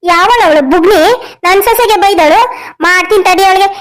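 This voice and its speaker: A woman voicing a fiery middle-aged village mother-in-law in a cartoon story, ranting in fast, rustic threats. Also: very high-pitched, low-quality recording. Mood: angry ranting.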